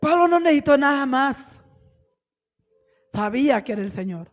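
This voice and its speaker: A woman's voice: high voice, animated, moderate pace. A woman missionary preaching a sermon in a church, asking rhetorical questions and acting out quoted lines with growing force. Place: church hall. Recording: reverberant church hall, dull lo-fi sound.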